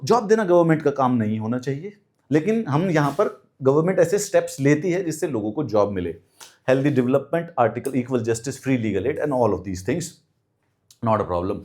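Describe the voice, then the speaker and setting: Young man, exam-prep lecturer, slightly high voice, repeats key points, rhetorical questions, mouth ulcer. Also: a little mellow. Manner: emphatic teacher, repeats key phrases, asks rhetorical questions. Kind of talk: classroom lecture mixing Hindi and English.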